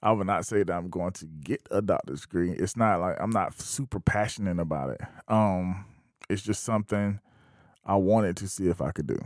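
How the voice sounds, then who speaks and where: Low-voiced man in his thirties, dry sound. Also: no room sound. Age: 30s. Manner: unhurried, thinking aloud with frequent pauses. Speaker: vlogger. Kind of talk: casual opinion monologue.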